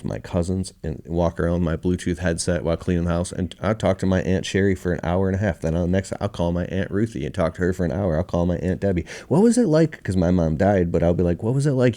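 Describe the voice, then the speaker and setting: Low-voiced man telling a candid story. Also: dark tone. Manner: candid, emotional, slangy with "bro" and "dude". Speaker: podcast guest. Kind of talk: casual storytelling in a podcast interview.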